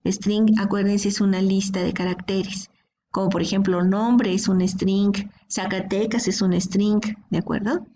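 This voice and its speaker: Warm and level, this woman's mid-range voice moves at a measured pace as she teaches programming. She breaks the coding lesson into steps, recorded from her screen, and regularly asks "¿sí?" and "¿de acuerdo?" to check on her students, with slight noise behind her.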